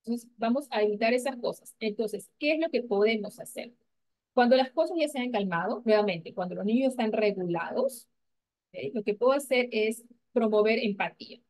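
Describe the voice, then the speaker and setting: A woman's voice: on the high side, moderate pace. Patient woman teaching parents. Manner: patient, explanatory, frequent "¿verdad?" and "¿ok?" check-ins; models gentle questions to children in a soft voice. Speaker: parenting educator. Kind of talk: presenting a parenting training.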